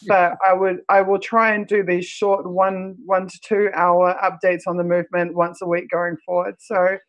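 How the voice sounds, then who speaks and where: A host with a croaky, froggy voice addressing supporters on a livestream in an earnest, halting way. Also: mid-range voice, little pitch movement, poor audio.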